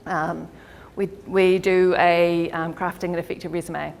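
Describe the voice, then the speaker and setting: A woman's voice: fairly low pitch, flat delivery, measured pace, vocal fry, darkish tone. A woman with a New Zealand accent, a career counsellor giving a chatty workshop talk to an audience, laughing often. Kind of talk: informal workshop presentation. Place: meeting hall with audience. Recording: long hall reverb.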